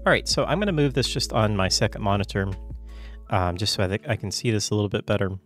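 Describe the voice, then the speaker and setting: A man getting over a cold, coughing now and then, talking through a casual software tutorial in a loose, chatty way full of fillers and self-corrections. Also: lowish voice, expressive, fast, soft background music. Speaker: tutorial host.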